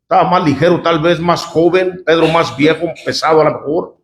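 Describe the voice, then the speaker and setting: Male pastor, conversational sermon with call-and-response asides, slightly high voice, echoey church sound. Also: a little fast, slight background noise. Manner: conversational, often asks the congregation "¿verdad?" and "¿cuántos dicen amén?". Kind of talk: sermon reading scripture aloud with commentary.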